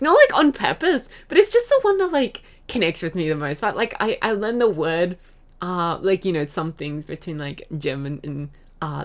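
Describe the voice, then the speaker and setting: A young Australian woman streaming, chatting casually with her audience, giggling often and rambling through fillers and restarts. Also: fairly low pitch. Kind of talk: casual chat reading chat messages.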